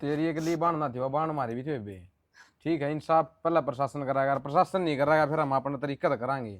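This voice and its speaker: An angry young villager swears vengeance in a blunt Haryanvi accent, as a man acts him out. His voice sits somewhat high, close and dry. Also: quick pace, no echo, natural voice. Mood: defiant. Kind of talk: Haryanvi family drama acting.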